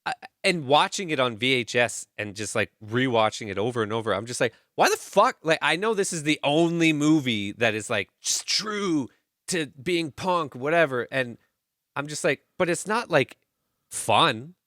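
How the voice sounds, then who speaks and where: Bright-voiced, swearing young man on a podcast. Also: normal speed, no room sound, clean studio sound. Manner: animated, profane, jumps pitch for emphasis. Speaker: podcast co-host. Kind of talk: casual chat.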